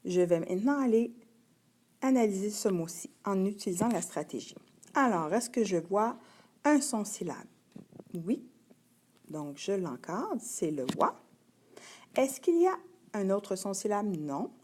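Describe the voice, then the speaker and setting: A woman teaching a young child to read, sounding out letters and syllables slowly and clearly. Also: mid-range voice, big pitch swings, warm tone, a little hiss or hum. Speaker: primary school teacher. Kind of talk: slow patient reading lesson.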